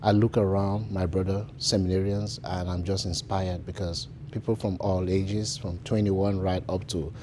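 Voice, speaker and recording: A man from Cameroon, a seminarian, telling his vocation story in an earnest, reflective way with frequent pauses and fillers. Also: deep voice, little pitch movement, dark tone, slight background noise. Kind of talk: personal vocation testimony.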